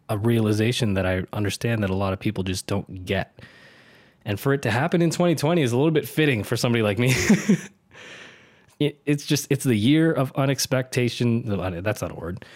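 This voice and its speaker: A man's voice: mid-range voice, normal speed, long pauses, darkish tone, no echo, studio quality. A man in his late twenties talking through his year in a reflective, rambling monologue, earnest and often laughing. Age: 20s. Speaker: vlogger. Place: home in a city.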